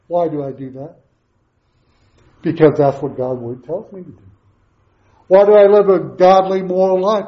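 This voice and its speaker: A middle-aged man preaching a sermon through a face mask, emphatic, with repeated questions and short answers. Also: fairly high pitch. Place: echoey room, preaching to a congregation. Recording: roomy echo, slightly muffled sound.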